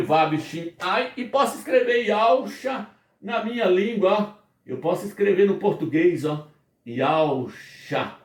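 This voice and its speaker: Brazilian preacher, rhetorical and repetitive. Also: male voice, high-pitched. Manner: repetitive call-and-response questioning. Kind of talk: Bible study teaching. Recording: echoey room.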